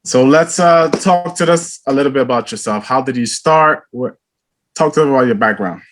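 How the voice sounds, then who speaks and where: Man, podcast host, mid pitch, unhurried intro. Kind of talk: casual podcast interview.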